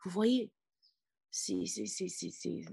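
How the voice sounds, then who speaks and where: A woman's voice: mid-range voice, slow pace, gravelly, dark tone, slightly rough, no echo, studio quality. A woman in her thirties from the Republic of the Congo, a singer speaking earnestly as a podcast guest, often repeating words. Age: 30s. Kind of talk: casual interview talk.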